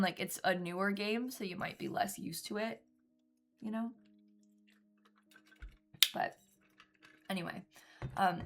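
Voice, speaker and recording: Streaming a building game from home, a young woman sounds congested from a cold as she thinks aloud with lots of ums and little giggles while chatting casually. Her mid-range voice is a bit bright.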